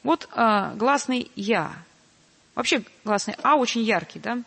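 Measured woman lecturing in an echoing hall. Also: a little high, expressive, creaky, fairly bright tone, slightly rough. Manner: measured, deliberate, reads quotations aloud. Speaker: lecturer on church choir singing.

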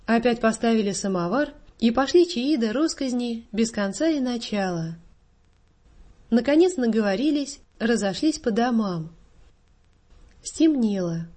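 A woman narrating a story aloud in a measured storytelling manner. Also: on the high side, mellow, slightly rough.

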